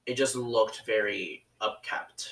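A young man co-hosting a podcast in casual chat, teasing dryly and talking haltingly with many fillers. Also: fairly low pitch, steady tone, fairly bright tone, slight background noise. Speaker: podcast co-host. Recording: roomy, mic at a distance.

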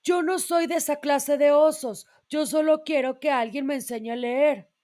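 A woman voicing a gentle, earnest male brown bear in a storybook who longs to learn to read. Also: high voice, normal speed, pitched above the performer's own voice, natural voice. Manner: hopeful, earnest, mild.

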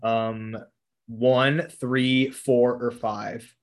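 A man's voice: medium pitch, little pitch movement, extremely slow. Young man reading out quiz questions. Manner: swears casually, reads quiz options aloud, laughs often. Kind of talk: casual chat.

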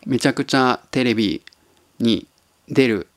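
A man's voice: medium pitch, a little slow, no echo. A man from Tottori hosting a casual solo podcast, musing in an easygoing way and chuckling often. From Tottori, Japan. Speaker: podcast host.

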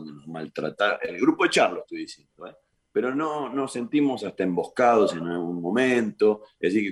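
Deep-voiced boxing manager, defensive. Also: male voice. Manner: defensive, repeats his questions. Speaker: boxer's manager. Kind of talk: heated radio argument.

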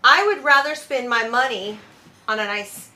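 A woman hosting a podcast, chatting in a brash, animated way and swearing freely. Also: on the high side, moderate pace. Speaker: podcast host. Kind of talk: casual chat.

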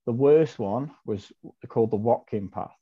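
A podcast guest with a husky, mid-range voice tells a long story at a normal pace. His casual storytelling is chatty and rambling, full of ums and self-corrections, over dull lo-fi audio.

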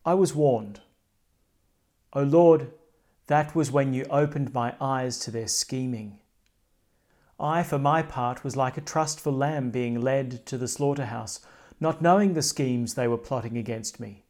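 A man speaking as a priest at Mass reads scripture and delivers a homily in a solemn, declamatory style. His voice is medium-pitched and somewhat dark, and he proceeds without hurry.

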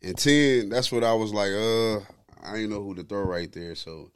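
A man's voice: lowish voice, normal speed, clear, resonant tone, no echo, clean studio sound. A man chatting casually, opinionated and slangy, with plenty of swearing, as he argues a ranking. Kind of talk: casual chat, ranking favorite rappers.

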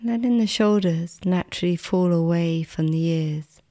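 A woman guiding a relaxation meditation like a sleep story narrator, soothing and gentle, with a soft, sometimes breathy voice and long pauses. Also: lowish voice. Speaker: meditation guide.

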